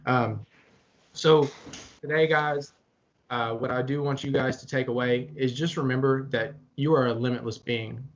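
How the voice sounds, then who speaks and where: In a steady, mid-range voice at a moderate pace, the young male co-host keeps the casual podcast chat earnest and motivational, swearing now and then. The lo-fi audio comes across slightly dull.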